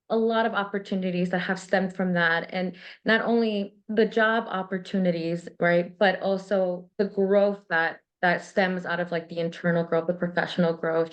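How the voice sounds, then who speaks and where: A woman who works as a victim advocate, introducing herself with enthusiasm on an online panel and often restarting her sentences. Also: mid-range voice. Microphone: video call. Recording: slightly dull lo-fi audio.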